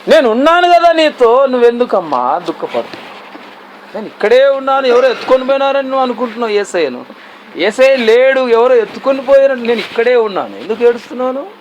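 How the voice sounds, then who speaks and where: A man's voice: very high-pitched, lively intonation, fast, a little hiss or hum, pitched above the performer's own voice. A man voicing God as a caring male figure who presses his followers with repeated, pleading questions.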